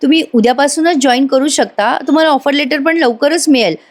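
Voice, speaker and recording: A businesslike male interviewer from a TV serial speaks slowly and evenly, read by a woman recapping the scene. The voice stays rather high. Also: natural voice. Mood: measured.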